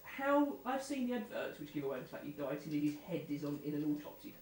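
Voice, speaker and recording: A man with a notably high voice trades dry, offhand jokes as co-host. The sound is roomy and far from the mic, with faint hiss behind. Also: big pitch swings, fast talker, darkish tone. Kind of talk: casual chat.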